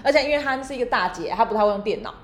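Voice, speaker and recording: Fast-talking woman telling stories. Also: fairly high pitch. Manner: animated storyteller, acts out coworkers' lines. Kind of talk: casual chat. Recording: echoey room.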